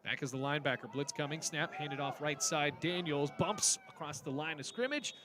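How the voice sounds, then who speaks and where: A man's voice: fairly high pitch, moderate pace, crowd noise. A man calling live football play-by-play in clipped, descriptive phrases. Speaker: play-by-play commentator.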